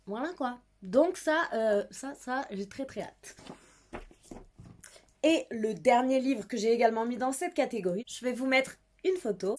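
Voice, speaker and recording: A young woman talks through her reading pile in a casual, chatty way, laughing at herself now and then. Her voice sits a little high. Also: a little mellow. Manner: chatty, giggly, self-mocking. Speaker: book vlogger. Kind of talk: casual book haul chat.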